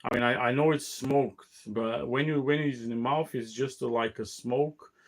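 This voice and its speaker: Halting, tired man hosting a cigar show. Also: mid-range voice, fairly even intonation. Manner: halting, many fillers and restarts. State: tired, yawning. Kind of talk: casual solo talk show.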